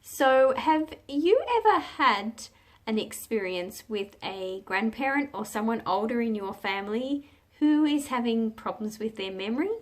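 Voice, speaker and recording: An Australian woman with a fairly high, animated voice hosts a children's read-aloud. She tells stories and explains them in simple, measured phrases, asking her listeners questions along the way.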